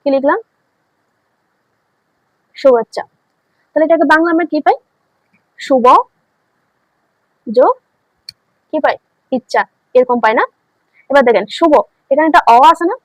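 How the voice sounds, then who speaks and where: Brief: female teacher, high voice, dry close sound, quizzes the class and answers herself. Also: moderate pace, pauses often, dry recording, rough recording. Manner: asks students questions then answers them herself; repeats key words for emphasis. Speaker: grammar teacher. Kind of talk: online classroom lesson.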